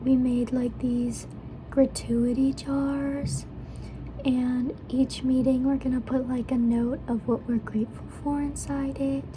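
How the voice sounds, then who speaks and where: A young woman rambling softly in ASMR style while mukbang eating, talking between bites and slipping into whispers. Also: high voice, flat delivery, takes it slowly, music in the background, low-quality recording. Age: young adult. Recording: clear background noise.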